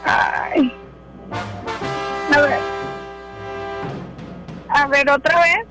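A woman's voice: sits high, drawn-out words, music in the background. A woman calling in to a radio contest, answering hesitantly. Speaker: radio caller.

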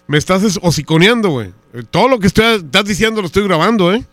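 High, bright-voiced teasing Mexican radio prankster. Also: male voice, expressive, quick pace, dry recording. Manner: teasing, mocking, needling. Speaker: radio host making a prank call. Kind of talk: prank phone call on radio.

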